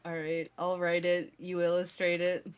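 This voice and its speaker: A woman doing color commentary on an esports match, playful and quick with jokes. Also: fairly low pitch, completely flat delivery, clear, resonant tone. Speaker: esports caster.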